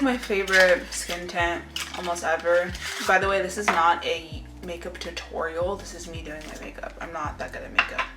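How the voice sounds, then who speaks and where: A woman in her twenties talking casually to camera as a vlogger, informal, rambling and confiding. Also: lowish voice. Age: 20s. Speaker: lifestyle vlogger. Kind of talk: casual chit-chat to camera. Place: indoor room at home. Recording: roomy echo with music behind. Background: music.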